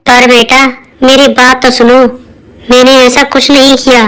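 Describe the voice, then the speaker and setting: A woman voicing a meek old mother-in-law in a cartoon moral story, gentle and pleading. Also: sits high, flat delivery, measured pace, smooth, dry recording, low-quality recording. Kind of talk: cartoon voice acting.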